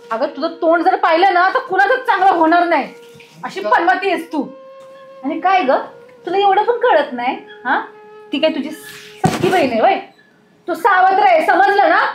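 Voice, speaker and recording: A woman's voice: very high voice, animated, moderate pace. An actress playing a cruel stepmother who scolds her stepdaughter with contempt, with faint music behind. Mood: scornful. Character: cruel scornful stepmother, middle-aged. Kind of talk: village drama acting.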